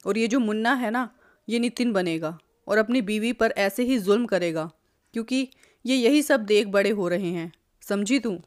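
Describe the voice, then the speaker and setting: A woman's voice: mid-range voice, moderate pace, natural voice. A woman voicing a stern, protective older mother-in-law who lectures and scolds. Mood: scolding.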